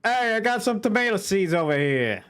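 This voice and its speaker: A man voicing a brash, playful New York guy in a put-on New York accent, loud and excitable. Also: high-pitched, fairly quick, smooth, voice pushed up. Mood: excited.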